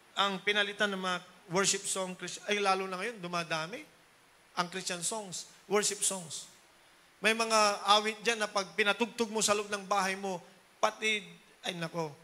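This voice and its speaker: A man's voice: sits high, sharp tone. A middle-aged man from the Philippines preaching a Sunday sermon, switching between Tagalog and English and often asking the congregation for agreement. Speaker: pastor.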